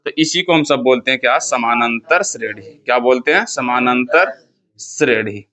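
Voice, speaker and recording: Bright-voiced man teaching a math class. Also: mid-range voice, animated, moderate pace. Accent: Bihari Hindi. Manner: asks the class questions and answers them himself; counts step by step, repeats key terms. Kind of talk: classroom lecture.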